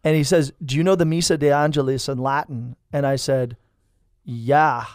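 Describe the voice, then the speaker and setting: A man in his thirties, a priest, telling stories in a lively, animated chat and acting out the people he quotes. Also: medium pitch, normal speed, no room sound, studio quality. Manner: animated storyteller, acts out quoted voices. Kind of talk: storytelling in casual chat.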